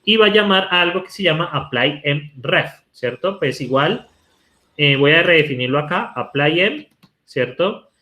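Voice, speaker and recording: A man with a high-ish, animated voice, pushed and bright at a normal speed, teaches a live online coding lecture. He's a Colombian university lecturer speaking Colombian Spanish, typing code while he talks and frequently checking in with "¿cierto?"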